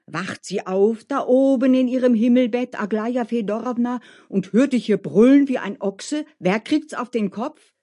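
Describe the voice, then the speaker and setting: A storyteller voicing a practical female cook who scolds and calms the others, in a storybook reading. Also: medium pitch, moderate pace, voice pushed up, close to an everyday voice. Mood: scolding. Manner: scolding, then soothing.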